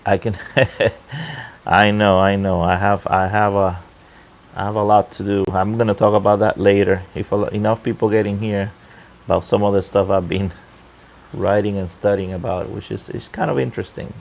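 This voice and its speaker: Deep male voice, creaky fry, halting casual livestream chat, kept down, outdoors, faint background water noise. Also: fairly even intonation. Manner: halting, unhurried, keeping his voice down. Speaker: livestream host and pipe hobbyist. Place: outdoor balcony at night near a pool.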